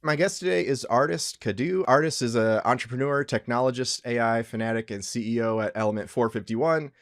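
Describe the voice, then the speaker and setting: A man hosting a podcast, talking in an upbeat, conversational way with many fillers, often trailing off softly at the ends of phrases. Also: medium pitch, fairly quick, no room sound, clean studio sound. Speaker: podcast host.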